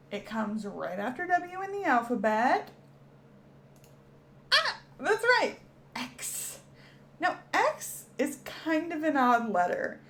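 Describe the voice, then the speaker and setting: A woman's voice: high voice, a little hiss or hum. A woman teaching a children's alphabet lesson, cheerful and encouraging as she speaks to young kids.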